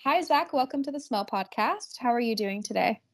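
Female podcast host, fairly high voice, dry close recording, friendly measured questioning. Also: animated, dry recording. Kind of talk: intro read and interview questions.

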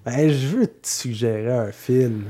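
A man's voice: mid-range voice, a little slow, warm tone. A man with a Quebec French accent co-hosting a casual podcast, joking dryly with his partner. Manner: dry joking banter. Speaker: podcast co-host. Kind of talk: casual chat.

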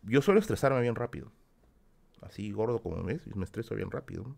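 A man's voice: fairly low pitch, lively intonation, fast talker, creaky, a little mellow. A young man with a Peruvian Spanish accent, chatting casually on a late-night livestream, reading out donations and viewer comments in a self-deprecating way. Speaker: streamer.

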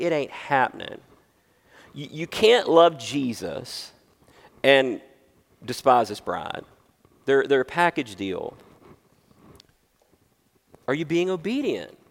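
Male pastor, sermon, gravelly edge, mid-pitched, earnest. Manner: earnest, questioning the listeners.

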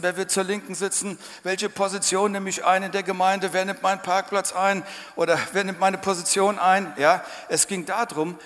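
A man preaching a sermon in church, emphatic and dramatic, sometimes breaking into loud shouts. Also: sits high. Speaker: pastor. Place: church hall. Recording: church hall reverb.

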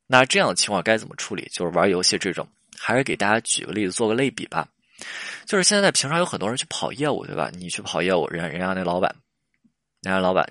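A man's voice: lowish voice, bright, forceful tone, dry recording, clean studio sound. A man hosting a casual relationship advice talk, chatty and full of rhetorical questions. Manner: chatty, laughs at his own stories, rhetorical questions.

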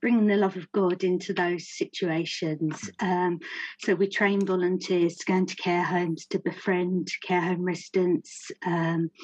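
A woman's voice: on the low side, a little mellow, slightly rough, dry recording, rough recording. A middle-aged woman, giving an informal personal talk as a guest speaker. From Romford, Essex, England. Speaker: guest speaker, charity founder.

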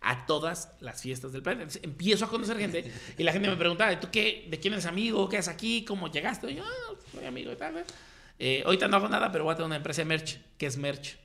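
A man's voice: high-pitched, fast, gravelly, few pauses, bright, forceful tone. A man in his thirties with a Mexican accent, telling his story in slangy casual chat and acting out the voices of people he quotes. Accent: Mexican Spanish.

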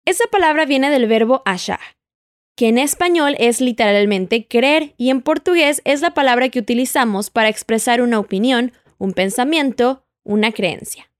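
Patiently prompting the listener to echo her words, a female Portuguese teacher leads an audio language lesson at normal speed. Her voice is slightly high. The audio is close-miked and dry, with no echo and no room around it.

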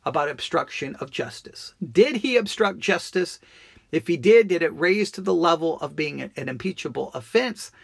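A man's voice: fairly high pitch, gravelly, fairly bright tone. A man hosting a live political commentary broadcast, earnest and often restarting his phrases.

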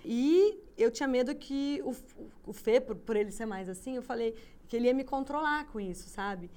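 Uma mulher numa conversa casual sobre a vida de mãe, falando de modo tranquilo e descontraído. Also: female voice, fairly high pitch, normal speed. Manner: relaxed, easygoing. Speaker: guest mother. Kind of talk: casual chat.

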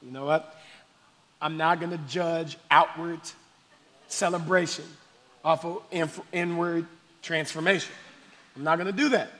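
A man preaching a sermon as pastor, expressive, swinging between shouting and hushed asides. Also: fairly high pitch, unhurried, long pauses, in a large hall. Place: church sanctuary.

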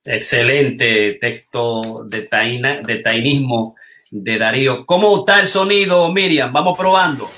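A man hosting an online poetry session over a video call, checking sound and then reading a poem slowly and emphatically. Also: medium pitch, sharp tone. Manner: slow, deliberate, emphatic reading with sighing exclamations. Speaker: host of online masterclass.

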